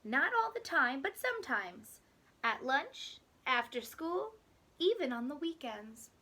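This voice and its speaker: A woman with a high, bright voice reads a picture book to children. She takes her time like a teacher, telling the story expressively and leaving dramatic pauses. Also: sing-song. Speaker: teacher reading aloud.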